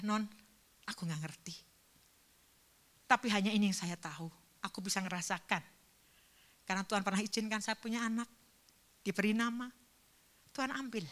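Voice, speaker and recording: Preaching at a church service, a woman pastor recounts a personal story with feeling. Her medium-pitched voice moves back and forth between fervent and hushed.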